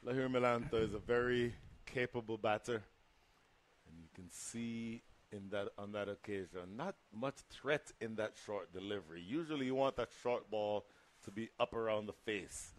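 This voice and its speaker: A man's voice: fairly low pitch, moderate pace. A man giving live cricket commentary and analysis, explaining the play in a conversational way.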